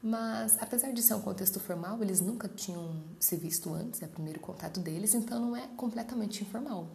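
A woman's voice: medium pitch, brisk, vocal fry, dark tone, a little hiss or hum. A Brazilian woman teaching an English lesson, explaining step by step and often checking in with her students, in a roomy space. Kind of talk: language lesson. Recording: roomy echo, faint ambience.

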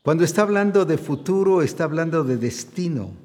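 A man's voice: a little high, animated, a little fast, darkish tone. A man preaching a sermon as an apostle, emphatic, asking rhetorical questions of his listeners. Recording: long hall reverb.

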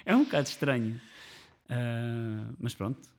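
A man with a European Portuguese accent talks in a loose, conversational way, as on a chat show. His voice sits at a middling pitch, and he slips English slang words into his sentences. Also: a little slow. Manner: mixes English slang into speech. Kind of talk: casual chat.

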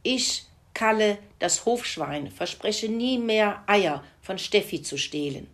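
A woman's voice: medium pitch, expressive, slow, voice pushed up. A woman voicing a grumbling, good-natured male farm pig in a children's story, with a whiny, complaining manner.

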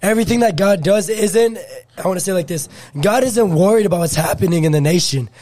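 A male preacher with a notably high voice delivers revival preaching. He speaks in short declarations and puts force behind each statement. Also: brisk, warm tone.

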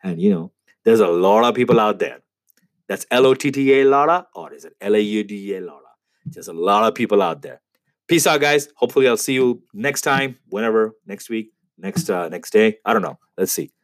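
A man's voice: on the low side, lively intonation, fairly quick, no echo. A man telling a comic story in a casual, profane, slangy way. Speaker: comedian storyteller.

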